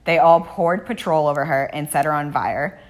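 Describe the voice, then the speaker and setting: Low-voiced woman telling a true crime story. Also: moderate pace. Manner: casual, blunt, swears often. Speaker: podcast host. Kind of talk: true crime podcast narration.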